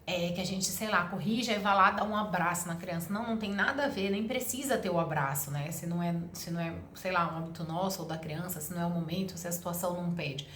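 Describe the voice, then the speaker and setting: A woman's voice: lowish voice, fast talker, hardly any pauses, a bit bright, slight background noise. Lady giving parenting tips, earnest and firm, echoey room. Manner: earnest, emphatic, explains step by step. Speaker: parenting educator. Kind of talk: advice monologue to camera. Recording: roomy echo.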